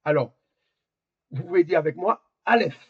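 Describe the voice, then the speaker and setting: A man teaches a Hebrew class over a video call, his husky voice sitting fairly high. He explains haltingly, repeating small words as he searches for the next one. The call audio sounds dull and lo-fi.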